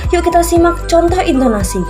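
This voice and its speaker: A woman narrator reading out scripted explanations of singing terms in an even manner. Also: very high voice, brisk. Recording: music bed behind.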